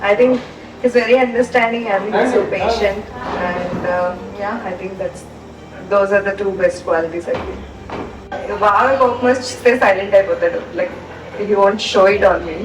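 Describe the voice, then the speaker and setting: A woman's voice: medium pitch, extremely slow, a crowd in the background. A young woman, a bride, talking about her fiancé in a wedding video interview, mixing two languages with many hesitant fillers. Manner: mixes Telugu and English, hesitant fillers. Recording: roomy echo from far off with loud music.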